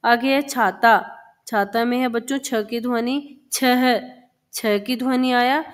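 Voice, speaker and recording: A woman's voice: on the high side, steady tone, slow. A woman teacher explaining a children's textbook lesson, patiently repeating words and sounds for young pupils.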